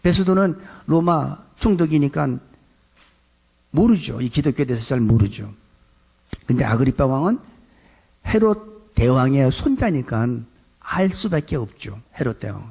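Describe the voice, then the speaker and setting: A man's voice: medium pitch, big pitch swings, measured pace, vocal fry, long pauses, a little mellow, husky. A middle-aged male pastor preaching a sermon in a conversational way, acting out quoted lines in his talk.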